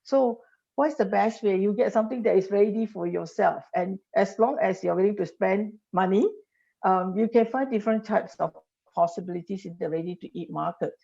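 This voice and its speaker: A Singaporean woman, an industry guest on a podcast interview, explains things by piling up examples and often restarting her sentences. Her mid-range voice is warm with some vocal fry, and she talks at a moderate pace. The podcast audio is dull and lo-fi.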